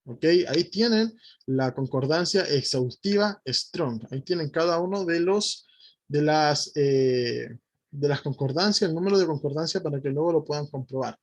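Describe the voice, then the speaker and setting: A man's voice: on the high side, animated, moderate pace. A man teaching a Bible lesson to his congregation, methodically spelling out letters and often checking in with his listeners.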